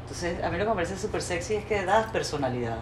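A woman with a Venezuelan Spanish accent hosting an interview, animated and opinionated. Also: fairly low pitch, fast talker, background noise. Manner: animated, opinionated, colorful speech. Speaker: interview host. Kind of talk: casual interview chat. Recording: roomy with faint ambience.

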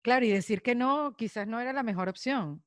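A woman's voice: on the high side, brisk, dry recording, clean studio sound. A woman host of an interview show, interjecting short reactions and questions.

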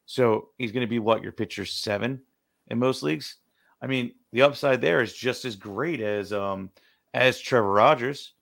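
Gravelly laid-back man on a podcast. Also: mid-range voice, a bit bright. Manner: laid-back, counts off reasons. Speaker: podcast co-host. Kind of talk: casual sports podcast talk.

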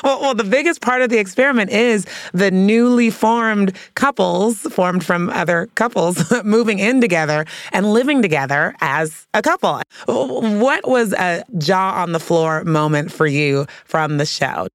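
A woman hosting an entertainment news podcast, lively and giggling as she talks. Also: medium pitch, measured pace, hardly any pauses, no echo, studio quality. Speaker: podcast host.

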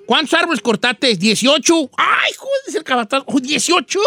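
A man's voice: extremely high pitch, animated, moderate pace, pushed and bright, exaggerated voice. A man with a Mexican accent playing a folksy old rancher who hosts a radio show and tells a rambling, slangy joke, acting out voices and axe sounds. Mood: playful.

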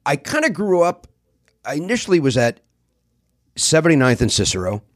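A man's voice: on the high side, big pitch swings, normal speed. A middle-aged man from the South Side of Chicago, a podcast guest telling his life story in a candid, self-deprecating way. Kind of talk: casual conversation.

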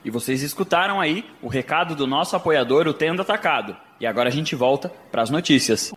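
A man's voice: fairly high pitch, animated, fairly quick, a bit bright, in a large hall. A man announcing a break on the radio in a casual, upbeat way. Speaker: radio host. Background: faint music.

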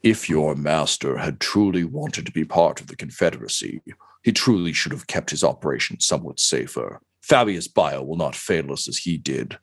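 A man voicing a stocky, world-weary male Inquisitor who speaks with slow, calm menace. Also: very deep voice, vocal fry, slightly rough, voice pushed down, full character voice. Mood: menacing.

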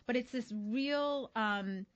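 A woman's voice: fairly high pitch, slow, muffled recording. Enthusiastic female radio co-host. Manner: enthusiastic, gushing. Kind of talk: casual radio talk show.

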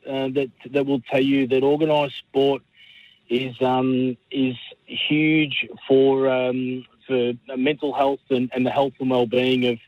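Aussie guy calling radio, halting, pretty monotone, muffled lo-fi line. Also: mid-range voice, no room sound. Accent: Australian. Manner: halting, hesitant delivery. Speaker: talkback radio caller. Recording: dull lo-fi caller line.

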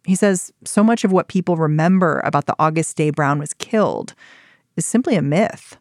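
Low-voiced woman podcast host, dry studio. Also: a little mellow, no room sound. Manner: measured, probing storyteller. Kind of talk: scripted narration and interview. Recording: dry studio sound with music.

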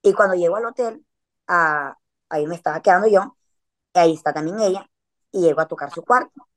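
A woman's voice: lowish voice, fairly quick. A woman, chatting casually as a podcast guest and telling a story in a slangy way, with frequent filler words.

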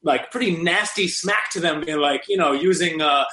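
A man co-hosting a sports podcast in casual chat, halting with many restarts and fillers. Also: on the high side, bright, forceful tone, roomy sound. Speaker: podcast co-host.

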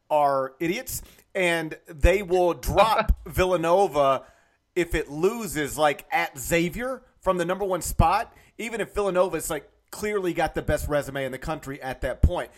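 A man with a North Mississippi accent hosting a sports podcast in a conversational commentary style. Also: fairly high pitch. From Mississippi, United States.

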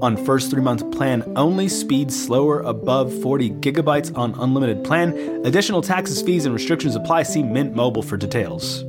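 A man's voice: medium pitch, moderate pace, hardly any pauses, loud music behind the voice. A man hosting a podcast, reading scripted introductions and sponsor copy. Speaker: podcast host. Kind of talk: scripted narration and ad reads.

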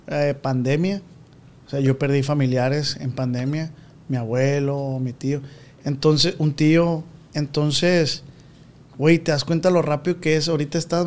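A Mexican man chatting on a podcast, his voice sitting a bit higher than most men's. He talks in a slangy, confiding way and keeps sinking into a quiet murmur. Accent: Mexican Spanish. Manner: slangy, confiding, drops to a low murmur often. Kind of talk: casual chat.

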